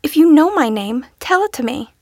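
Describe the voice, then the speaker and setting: Gentle female unicorn, wistful, hopeful, dry close sound, woman reading. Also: sits high, lively intonation, moderate pace, no room sound, voice pushed up. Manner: hopeful, pleading.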